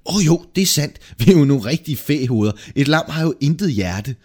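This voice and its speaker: A man's voice: lowish voice, very animated. A man voicing a sly, greedy male wanderer who boasts and lies, with a brash, wheedling manner in a read-aloud folk tale. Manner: brash, wheedling, yelps when scared.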